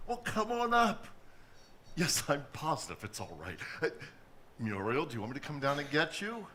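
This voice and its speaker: An actor playing a flirtatious, pushy Hollywood producer in a stage play. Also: male voice, on the high side, moderate pace, a little hiss or hum. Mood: coaxing. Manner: coaxing, lively, exuberant.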